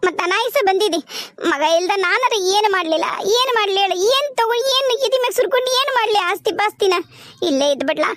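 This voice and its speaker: A woman's voice: extremely high pitch, animated, background noise. A woman doing a fretful old village grandma. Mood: tearful. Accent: North Karnataka Kannada. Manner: tearful, fretting, drawn-out speech. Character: elderly village grandmother, frail, chesty, fussing. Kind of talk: cartoon voice acting.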